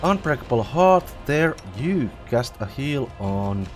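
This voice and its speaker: A man's voice: mid-range voice, very animated, slow, soft background music. A man casually commenting as he plays a fantasy game, thinking aloud and reacting to the fight. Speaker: let's play host.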